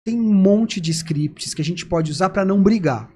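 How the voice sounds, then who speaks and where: A man's voice: sits high, normal speed, slight background noise. A man with a Brazilian Portuguese accent, a persuasion trainer explaining techniques in conversation and acting out quoted dialogue. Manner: animated, acts out quoted dialogue. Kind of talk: conversational explaining with acted examples.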